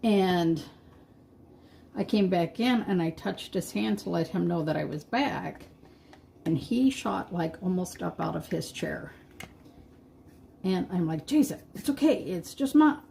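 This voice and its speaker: Slow-talking chatty woman crafter. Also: lowish voice, creaky, warm tone, slight background noise. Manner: chatty, talks to herself and to viewers, laughs at her own slips. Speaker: live-stream craft host. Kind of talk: casual live-stream chat while painting.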